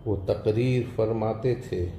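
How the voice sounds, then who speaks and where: A man preaching a devotional sermon in a measured, emphatic way, lifting his voice on key words. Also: lowish voice, fairly even intonation, warm tone, reverberant, slight background noise. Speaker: Islamic preacher.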